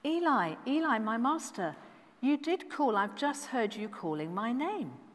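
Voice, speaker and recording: A woman's voice: a little high, sing-song, unhurried, pitched above the performer's own voice. A woman voicing an earnest young boy, a seven-year-old, in a children's church story. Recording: echoey church hall.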